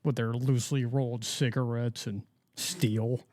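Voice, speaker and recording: A man's voice: medium pitch, fairly even intonation, unhurried, a little mellow, dry recording. A young man co-hosting a podcast, trading crude, mocking jokes in loose casual chat. His voice is a plain, mid-range male voice. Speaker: podcast co-host.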